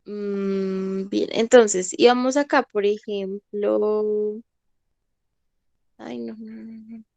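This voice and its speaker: Slow, patient woman teacher on a call. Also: medium pitch, steady tone, creaky, a little mellow, dry recording. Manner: patient, checks understanding with frequent "¿listo?". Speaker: English teacher. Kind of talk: online class explanation.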